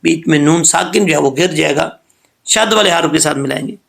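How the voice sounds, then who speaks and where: A man teaching a Quran recitation lesson in a slightly high, gravelly voice. He walks through each rule patiently, step by step. He slows down to draw out the sounds so listeners can copy them. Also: fairly bright tone. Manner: patient step-by-step explanation, slowing down to model sounds.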